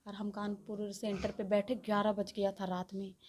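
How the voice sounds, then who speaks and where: A woman's voice: medium pitch, little pitch movement, normal speed, a crowd in the background. A woman, interviewed and recounting a personal story in a rambling way, quoting what others said. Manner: rambling, quotes others' words.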